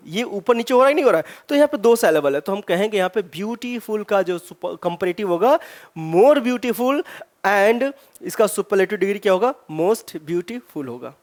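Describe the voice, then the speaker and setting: A male English teacher giving an exam-prep grammar lesson, asking many rhetorical questions and saying his example words slowly with stress. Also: high-pitched.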